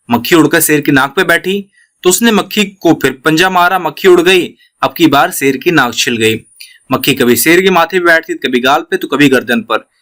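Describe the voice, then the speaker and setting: A man with a slightly high voice gives a school lesson. He reads a children's story aloud and then retells each part in plainer words. He talks in a casual way with filler sounds, in a quiet indoor recording. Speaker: teacher. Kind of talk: reading and explaining a children's story.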